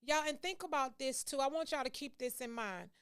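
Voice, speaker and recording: High-voiced woman co-host, earnest. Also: animated, a little fast. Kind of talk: casual faith talk show.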